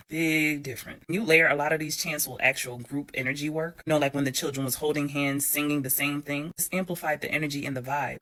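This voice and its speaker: A vlogger giving animated, joking commentary in a casual way. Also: mid-range voice. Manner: animated, joking, talks fast.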